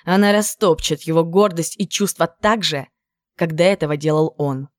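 A woman's voice: deep voice, no echo, studio quality, lightly acted. A woman doing a cool, scheming young ringleader. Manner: commanding, measured, sly.

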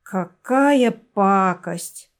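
A woman's voice: on the high side, lively intonation, unhurried, darkish tone, voice pushed up. Woman reading a fussy, squeamish young woman. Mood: exclaiming. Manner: peevish, exclaiming.

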